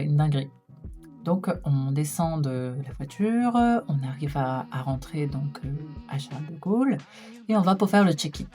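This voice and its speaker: Young woman, low voice, rambling casual storytime delivery with constant "euh" fillers, faint music underneath. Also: a little mellow. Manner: chatty, lots of hesitation fillers, laughs while telling. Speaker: vlogger.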